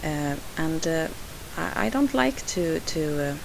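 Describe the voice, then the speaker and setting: A Swedish-accented woman from Sweden hosts a scrapbooking video, narrating the process in a low, gravelly voice that is animated but slow-paced. She hesitates with many "uh" fillers and restarts. The home-recorded voice-over is hissy.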